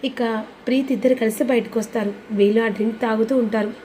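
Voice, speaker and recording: A woman narrating a TV serial recap in a brisk, dramatic storytelling manner. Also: a little high, steady tone, dark tone, a little hiss or hum, poor audio.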